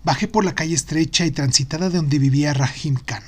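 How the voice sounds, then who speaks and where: Guy reading a novel as an audiobook, voice a bit on the high side, expressive storytelling. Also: fairly quick. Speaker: audiobook narrator. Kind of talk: expressive literary audiobook narration.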